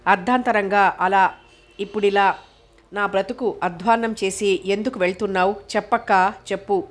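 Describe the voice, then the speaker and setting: A woman's voice: mid-range voice, close to an everyday voice. A woman reading an anguished blind young man. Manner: pleading, reproachful questions.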